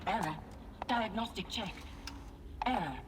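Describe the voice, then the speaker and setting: A woman's voice: mid-range voice, a little slow, heavy background noise. A woman voicing a damaged security robot in a game, with a glitching robotic voice that barks short error reports in clipped phrases. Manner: clipped one- and two-word machine announcements. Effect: glitching robot voice, stuttering error reports.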